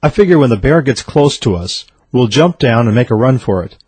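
A man's voice: mid-range voice, animated, brisk, a little mellow, husky, dry recording, pitched above the performer's own voice. A man voicing a smug, practical biologist explaining his plan in a joke.

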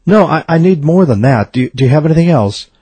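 A man voicing a frantic old gentleman who stammers and begs for help in a joke. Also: animated, fast, breathy edge, dry recording. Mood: desperate. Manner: stammering, high and urgent. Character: frantic pleading old gentleman, grieving his dog.

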